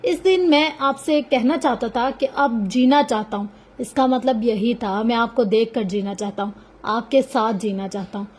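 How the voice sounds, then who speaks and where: A woman voicing an earnest young male police officer who speaks gently and persuasively, in a storybook reading. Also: high-pitched, moderate pace. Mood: gentle. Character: earnest young man, police officer, calm and soft-spoken.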